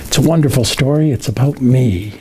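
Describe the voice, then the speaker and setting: A man playing a jolly, kindly old Santa Claus, reading a children's Christmas poem aloud in an expressive, unhurried storytelling manner. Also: mid-range voice, slight background noise, close to an everyday voice. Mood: warm storytelling.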